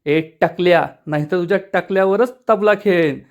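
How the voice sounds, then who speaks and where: A scheming, quick-tempered old woman scolds in snappy retorts, as a man reads her part. The voice sits high. It is delivered in plain storytelling fashion, as a quoted line in a spoken recap. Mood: scolding. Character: feisty old woman, sharp-tongued and scheming.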